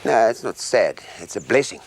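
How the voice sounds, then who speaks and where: An actor playing a cynical, wry bachelor, speaking laconically in a screen comedy. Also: male voice, fairly low pitch, expressive, moderate pace, gravelly, slight background noise. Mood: dry. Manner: laconic, dry. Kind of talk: naturalistic screen comedy acting. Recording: loud music over dialogue.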